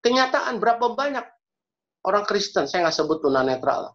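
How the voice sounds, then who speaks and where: A man's voice: sits high, sing-song, brisk, fairly bright tone. A man preaching and praying as a pastor, speaking earnestly and repeating key phrases for emphasis. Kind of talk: sermon and prayer. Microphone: video call. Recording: dull lo-fi video call audio.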